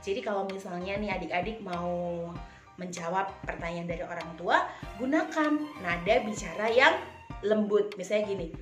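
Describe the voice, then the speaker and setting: Woman teacher, children's lesson, animated and playful, echoey room, faint background music. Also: mid-range voice, normal speed. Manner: lively, acts out examples for children.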